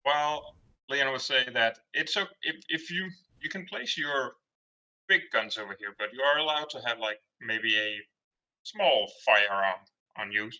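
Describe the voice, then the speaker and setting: A man playing a tabletop game, haltingly improvising narration of his character's actions. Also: lowish voice, sharp tone, highs cut off.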